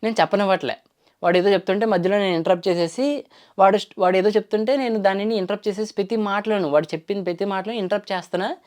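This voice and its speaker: A man's voice: high voice, fast talker, darkish tone. Rambling young man telling a story. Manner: rambling, with frequent restarts and fillers. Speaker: YouTuber. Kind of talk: casual personal storytelling.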